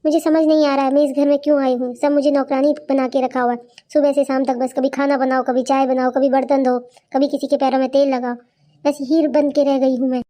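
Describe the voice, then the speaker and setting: In this cartoon voice acting, a woman plays a frustrated, overworked young daughter-in-law who complains plaintively. Her high, mellow voice keeps a level tone at a fairly quick, natural pace.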